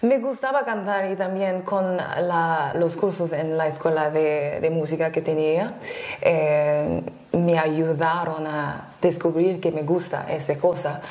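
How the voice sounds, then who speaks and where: Young female singer from Congo, low voice, unhurried, soft-spoken, roomy echo. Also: fairly even intonation. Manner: soft-spoken, hesitant, many fillers. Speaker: singer, interview guest. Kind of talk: interview answers. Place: small indoor studio, seated.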